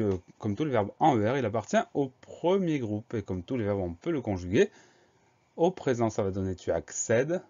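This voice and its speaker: A man's voice: fairly low pitch, warm tone. A man teaching a spelling lesson, patiently explaining each word step by step and spelling it out letter by letter. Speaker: primary school spelling teacher. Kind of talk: slow, methodical spelling lesson. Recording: slightly dull lo-fi recording.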